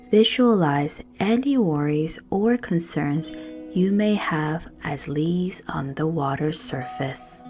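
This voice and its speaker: A woman meditation guide with a low, gentle, hushed voice reads a scripted prayer over music. Her phrasing is measured and soothing.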